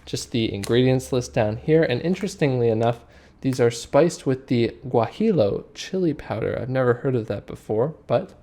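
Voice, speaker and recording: A man's voice: mid-range voice, dark tone. A man hosting a casual food review, talking conversationally and describing things in careful detail. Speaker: food reviewer and video host. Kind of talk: casual product review commentary.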